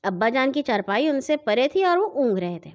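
Female narrator for a kids' audio story, high voice with lively swings. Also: muffled recording. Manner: expressive storytelling.

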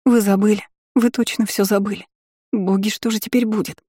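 A woman's voice: mid-range voice, fairly even intonation, brisk, warm tone, husky, no echo, studio quality, voice pushed up, close to an everyday voice. A woman voicing a timid young maid girl who sobs and pleads. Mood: panicked. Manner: sobbing, pleading.

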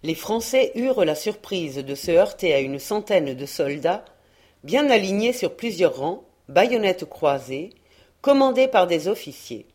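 A woman narrating a historical adventure novel in a measured, expressive reading voice. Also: fairly low pitch, slightly rough. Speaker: audiobook reader. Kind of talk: scripted narration.

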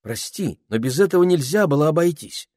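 Male reader doing a sharp, clever girl, brisk and firm. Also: on the high side, animated, no room sound, clean studio sound, pitched above the performer's own voice. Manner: firm, reproachful.

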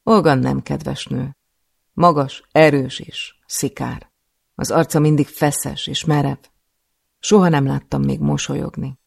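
A man narrating an audiobook in a measured, somber first-person reading. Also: on the high side, level tone, vocal fry, breathy edge, no room sound, studio quality.

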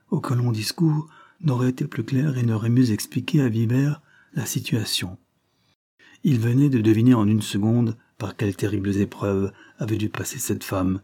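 A male audiobook narrator reads a classic novel in a measured, literary manner. His voice sits low, with a mellow, slightly husky tone. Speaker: audiobook reader.

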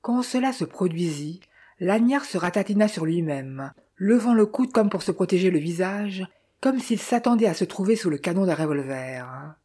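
A woman reading a novel aloud as narrator, in a measured, clear way. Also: on the low side, expressive, warm tone. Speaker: audiobook narrator. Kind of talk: scripted narration.

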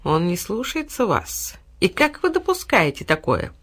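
A woman voicing a sly, flattering male cat who talks in a sugary, scheming way. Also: mid-range voice, a little fast. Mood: scornful. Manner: sugary, fawning, scornful aside.

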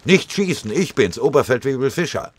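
A man voicing a soot-covered, out-of-breath army sergeant who shouts urgent orders. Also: mid-range voice, animated, fairly quick, a little hiss or hum, pitched above the performer's own voice, lightly acted. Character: soot-blackened breathless older sergeant, commanding.

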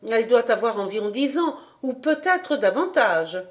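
A woman's voice: fairly high pitch, very animated, moderate pace. A woman voicing an eager young country woman who chatters deferentially to her superior in a storybook reading.

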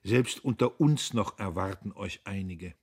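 A man's voice: low voice, a little slow, a little mellow, breathy edge. A man reading an audiobook, voicing a drunk, sentimental older liberal who declaims grandly. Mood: musing grandly. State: tipsy.

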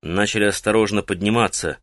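Calm male audiobook narrator, dry sound. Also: lowish voice, a little fast, no room sound. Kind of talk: scripted narration.

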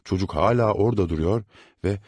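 A man narrating an audiobook in a measured, steady reading. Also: low voice, breathy edge, no room sound. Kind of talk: scripted narration.

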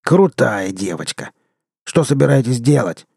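A man voicing a rough, crude Siberian man in an audiobook, gruff and swearing. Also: medium pitch, sing-song, unhurried, a little mellow, dry recording, clean studio sound, exaggerated voice. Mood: mocking. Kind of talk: audiobook character reading.

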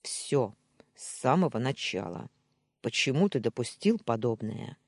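A narrator voicing Kirill, a calm young man who speaks quietly and in a measured way. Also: medium pitch, vocal fry, no echo, clean studio sound, heavily acted. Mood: stern.

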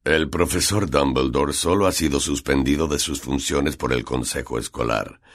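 A man voicing a cold, sly male teacher in an audiobook, speaking low and measured with a distant-sounding tone.

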